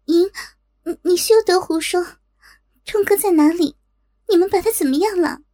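A woman's voice: extremely high pitch, moderate pace, mellow, voice pushed up. A woman voicing a proud young captive woman in a storybook, speaking indignantly. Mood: frantic. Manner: indignant, trembling.

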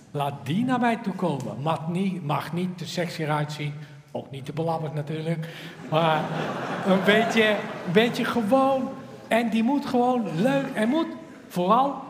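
A man tells his story in slightly broken Dutch, his voice sitting a bit high and swinging widely in pitch as he acts out the scenes. The sound carries the long, roomy reverb of a large hall. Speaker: speaker giving a personal testimony. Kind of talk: personal storytelling.

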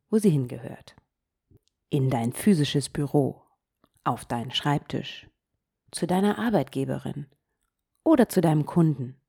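A woman with a low, mellow, breathy voice leads a guided meditation. She talks very slowly and softly and often drops into a near whisper. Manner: slow, soft-spoken, gently guiding, drops into whispers. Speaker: meditation podcast host.

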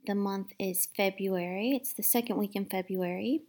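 A woman leading a guided meditation in a soft, soothing, unhurried manner, with long pauses between instructions. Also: mid-range voice, steady tone. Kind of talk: guided meditation, instructing listeners to relax and breathe.

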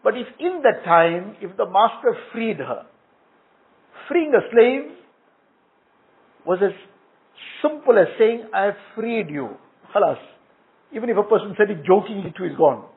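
A man's voice: high voice, animated, measured pace, long pauses. A man giving an earnest storytelling sermon, with Arabic phrases woven into his talk. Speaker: Islamic preacher. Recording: tinny phone-like sound.

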